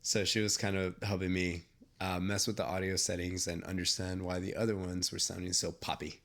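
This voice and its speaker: Casual interview host: young man, deep voice, halting and rambling delivery. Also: level tone, creaky, fairly bright tone. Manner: rambling, halting, lots of fillers. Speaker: podcast host.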